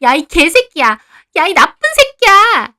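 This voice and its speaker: A woman voicing a tearful, defiant young woman who shouts back in a shrill voice. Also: big pitch swings, a little slow, full character voice.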